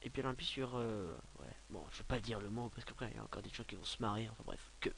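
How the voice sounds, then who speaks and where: Rambling young man with a bright voice. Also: fairly low pitch, fast talker, gravelly, a little hiss or hum. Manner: rambling, many filler sounds, offhand asides. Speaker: tutorial maker. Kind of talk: casual screen-recorded software tutorial.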